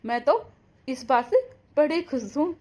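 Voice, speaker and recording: A woman's voice: high-pitched, animated, unhurried, a little mellow. A woman voicing a cruel scheming grandmother who gloats over a seized house in a cartoon story. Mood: gloating.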